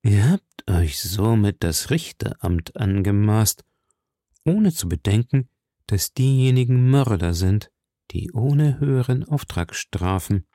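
A man doing a slow, stern old cardinal. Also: on the low side, gravelly, no echo, clean studio sound. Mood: mild. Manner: slow, measured, probing. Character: stern scheming old male cardinal, powerful.

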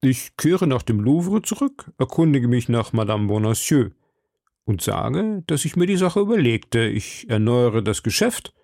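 A man's voice: medium pitch, sing-song, unhurried, creaky, darkish tone, no echo, studio quality, heavily acted. A man voicing a foolish, greedy middle-aged shopkeeper in a read-aloud storybook, talking with eager self-satisfaction.

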